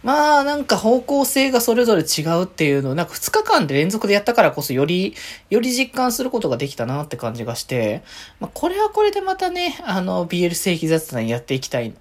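Speaking fast with wildly swooping pitch in a medium-range voice, a podcast host from Aichi, Japan, chats alone about her week. Her manner is casual and easygoing.

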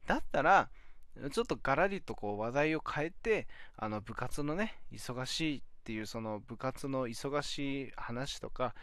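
A young man talks alone into his phone for his weekly talk show, rambling and filling pauses with hesitant ums and self-mocking laughs. His pitch swings widely between phrases. The sound is dry and close, with no room around it. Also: lively intonation, fairly bright tone, clear, resonant tone, no echo. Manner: rambling, many fillers, self-deprecating laughs. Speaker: podcast host. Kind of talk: casual solo talk.

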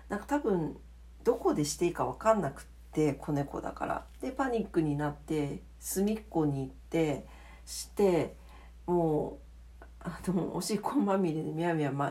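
Lively, low-pitched woman chatting late at night. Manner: polite, chatty, self-deprecating. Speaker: solo audio diary host, radio-DJ style greeting. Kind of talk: casual late-night solo chat.

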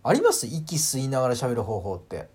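A man hosting a casual solo audio talk, animated and full of fillers, acting out sounds as he explains. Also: medium pitch, fairly quick, husky. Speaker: podcast host.

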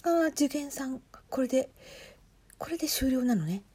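With a high, expressive voice that is nonetheless dark, mellow and husky-edged, a woman comments at a normal speed on a livestream she's watching for her podcast audience. She keeps it quiet and chatty, close to a phone mic, often falling to a breathy half-whisper.

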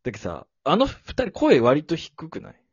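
A relaxed man chatting easily on a podcast, his voice bouncing up and down with a slightly husky edge. He laughs often. The sound is dry and a little muffled, like a home lo-fi recording. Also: fairly high pitch, moderate pace, no echo. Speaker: co-host. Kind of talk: casual podcast chat.

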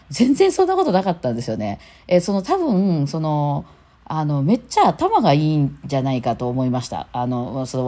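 Kansai woman host, machine-gun chatter packed with fillers, warm and mellow tone. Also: low voice. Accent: Kansai Japanese. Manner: rapid-fire chatty talk with many fillers. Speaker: host of a solo audio talk show. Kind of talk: casual solo monologue.

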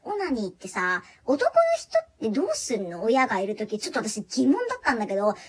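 Husky, lively young woman chatting. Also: on the high side, quick pace. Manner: chatty, animated, laughs often. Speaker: live chat performer telling a work story. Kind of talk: casual solo talk radio storytelling.

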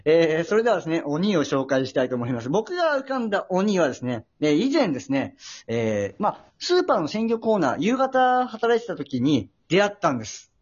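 Hesitant, lively-pitched man with a husky voice. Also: dull audio. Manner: hesitant and polite, full of pauses and filler. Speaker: host. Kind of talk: casual radio talk, storytelling.

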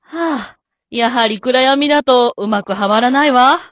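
A woman's voice: a little high, a little slow, a bit bright, no echo. A woman voicing a stern, composed elderly wife in an amateur radio drama, polite and cool with a scolding edge. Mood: calm. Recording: dull dry lo-fi recording.

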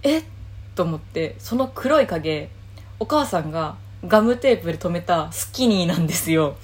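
Woman telling a lively home story. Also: on the low side, moderate pace. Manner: lively, acts out quoted lines and laughs while telling a story. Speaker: solo audio talk host. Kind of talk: casual monologue storytelling.

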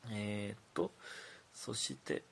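A young man with a Kansai accent, a comedian chatting casually on his own podcast and reading listener letters aloud, talkative and self-deprecating, swinging between loud bursts and mumbled asides. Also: lowish voice, animated, a little slow, vocal fry, a little hiss or hum. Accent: Kansai Japanese.

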